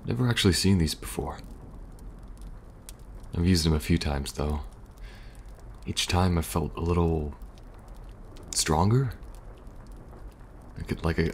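A deep-voiced man plays a weary, protective young survivor agent in an ASMR roleplay, speaking softly and reassuringly with a little hesitation. Faint background noise and ambience can be heard.

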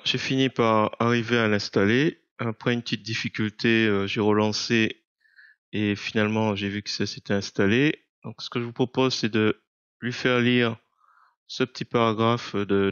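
Low, smooth-voiced man giving a tutorial. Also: a bit bright, dry recording, lo-fi sound. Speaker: software tutorial presenter. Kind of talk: unscripted screencast narration.

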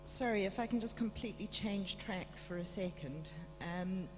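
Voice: mid-range voice, moderate pace, over music. An audience member politely explaining a question at a conference in a large, echoing room. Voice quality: echoey. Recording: echoey hall, loud electrical hum.

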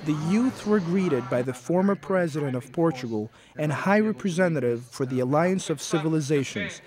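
A male narrator reads a scripted documentary in a measured, even delivery. His voice sits somewhat high for a man. A crowd murmurs clearly in the background.

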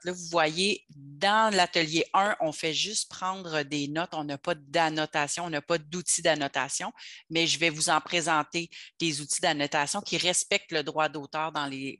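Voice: mid-range voice, sharp tone, no echo, studio quality. An adult with a Québécois French accent leads an online workshop, explaining tools step by step in a chatty way over a video call. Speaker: workshop leader for teachers.

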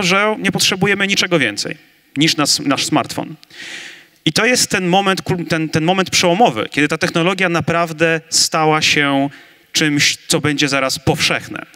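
A man speaking on a large conference stage with a handheld mic, arguing his side in a staged debate with emphatic, energetic delivery. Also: a little high. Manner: energetic, emphatic, building to big claims. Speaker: conference debater on augmented reality.

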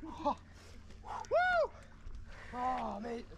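High-pitched man, very noisy outdoors. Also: very slow, gravelly, far from the mic. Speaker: hiking companion. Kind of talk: casual chat. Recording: loud wind and water noise outdoors.

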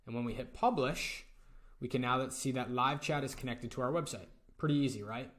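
Relaxed man walking through a tutorial. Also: medium pitch, a little fast. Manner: relaxed step-by-step walkthrough. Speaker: tutorial presenter. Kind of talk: screen-recorded software tutorial.

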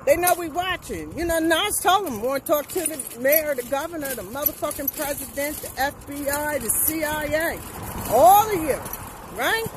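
A woman's voice: high-pitched, animated, normal speed, poor audio. A middle-aged woman, talking emphatically into her phone while walking outdoors and asking "right?" again and again. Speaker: vlogger. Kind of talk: casual walking vlog monologue. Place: outdoors on a street. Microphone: phone held at arm's length. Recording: phone audio with street noise. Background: outdoor traffic noise.

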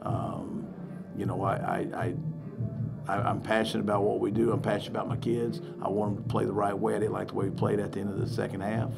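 Gravelly-voiced middle-aged coach at a press conference. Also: male voice, on the low side, fast, over loud music. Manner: candid, animated, repeats words as he restarts. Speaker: head basketball coach. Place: press room in front of a sponsor backdrop. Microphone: table mic on a stand.

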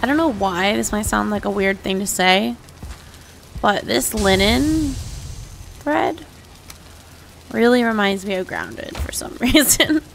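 A woman chatting casually with her co-op partner while playing a game. She sounds relaxed and easily amused. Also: medium pitch, slow pace, gravelly, long pauses, background noise. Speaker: co-op gaming partner, channel host. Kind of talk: casual gameplay chat.

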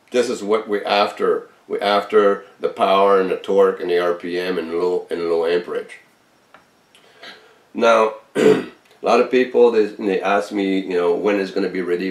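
A man's voice: on the low side, a little mellow, distant mic. A man who is sick with a virus talks bluntly and emphatically, repeating himself as he demonstrates his inventions. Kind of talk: casual workshop video talk. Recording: roomy sound from off-mic.

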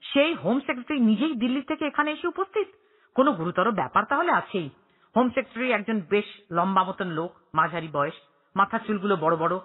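A man narrating an audiobook in a dramatic storytelling way, voicing characters with excited rises in pitch. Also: brisk, breathy edge. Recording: tinny phone-like audio.

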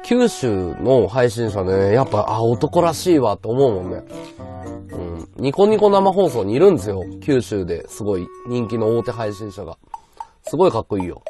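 A man's voice: fairly low pitch, big pitch swings, moderate pace, mellow, soft background music. A man streaming live, chatting casually and answering his viewers' comments aloud. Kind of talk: casual livestream chat.

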